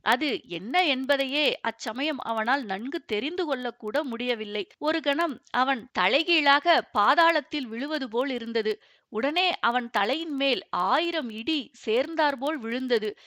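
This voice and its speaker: A woman narrating a historical novel as an audiobook in a steady storytelling manner. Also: sits high, slow pace, dry recording, clean studio sound.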